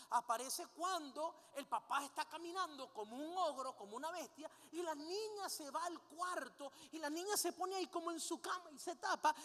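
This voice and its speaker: A woman's voice: high voice, bright, forceful tone. A woman preaching a sermon, often asking her congregation rhetorical questions and having them repeat lines after her. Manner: leads the congregation in call-and-response. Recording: long hall reverb.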